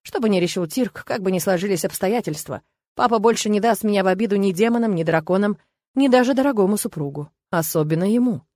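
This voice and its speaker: A woman's voice: medium pitch, quick pace, darkish tone, dry recording. Woman narrating an audiobook, dry sound. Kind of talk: scripted first-person audiobook narration.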